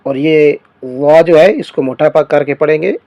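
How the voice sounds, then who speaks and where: A man teaching a Quran reading lesson, sounding out each letter slowly and stressing every syllable before explaining it. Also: on the high side, steady tone, mellow, dry recording, lo-fi sound. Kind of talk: slow recitation lesson.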